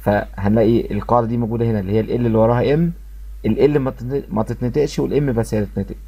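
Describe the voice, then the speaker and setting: A man's voice: medium pitch, fairly even intonation, creaky, mellow, breathy edge. A man with an Egyptian Arabic accent teaching an English lesson, drilling each word by repeating it and talking straight to his students. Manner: repeats words slowly to drill pronunciation; addresses students directly. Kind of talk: classroom lesson explanation.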